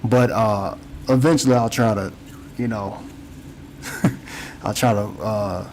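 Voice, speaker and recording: A man's voice: on the low side, slow, noisy background. A man hosting a casual podcast chat, rambling and repeating himself, yawning and a little tired. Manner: rambling, repeats words, frequent "you know what I'm saying". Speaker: podcast host.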